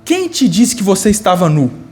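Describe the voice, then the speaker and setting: A Brazilian man voicing God as a patient father who questions gently. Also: high-pitched, very animated, moderate pace. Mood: gentle.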